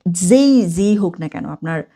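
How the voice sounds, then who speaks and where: A woman teaching German grammar from a textbook in a casual lesson. She mixes languages freely, checks in with her students often, and says example words slowly. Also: on the low side, lively intonation, dark tone.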